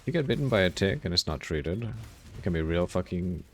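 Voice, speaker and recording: A man streaming a game live, reacting loudly, swearing freely and reading chat messages aloud. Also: deep voice, animated, moderate pace, slight background noise. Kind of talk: casual live-stream commentary while gaming.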